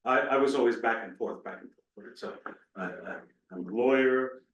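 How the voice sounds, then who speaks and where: A man's voice: medium pitch, moderate pace, dull audio, a little hiss or hum. A man from Rico, a lawyer and panelist, talks in a wry, conversational way and chuckles often. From Puerto Rico. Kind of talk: panel discussion. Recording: roomy, distant.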